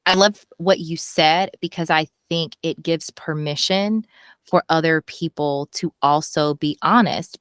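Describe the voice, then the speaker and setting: A woman's voice: low voice, clear, resonant tone, no echo. Earnest woman in her thirties, dry close sound. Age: 30s. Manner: earnest and animated, acts out quoted people. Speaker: podcast guest. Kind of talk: candid conversational interview.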